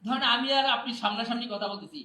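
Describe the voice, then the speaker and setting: A man's voice: very high voice, quick pace, sharp tone. A man leading a live public speaking workshop, energetically quizzing the audience for replies. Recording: echoey hall, mic at a distance.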